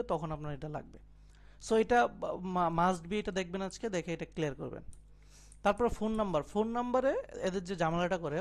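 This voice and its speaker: In a live online class, a young IELTS tutor with a high-pitched, slightly mellow voice lectures on listening. He breaks things down step by step, uses English terms along the way, and checks whether his students understand.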